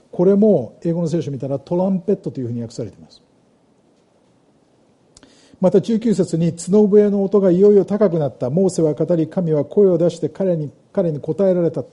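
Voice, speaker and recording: A middle-aged male pastor gives a sermon, reading scripture aloud and turning to the congregation with questions. His voice is dark and mellow, slightly raised in pitch, with a husky edge.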